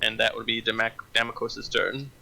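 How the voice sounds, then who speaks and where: A man's voice: medium pitch, little pitch movement, brisk, vocal fry, pushed and bright, a little hiss or hum, rough recording. A man running a tabletop fantasy game as game master, narrating scenes and calling out rolls.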